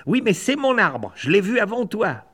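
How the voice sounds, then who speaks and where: A man voicing a rude, bullying male blackbird who shouts that the tree is his, in a raised voice. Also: sits high, sing-song, normal speed, pitched above the performer's own voice, full character voice. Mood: aggressive. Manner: shouting, aggressive.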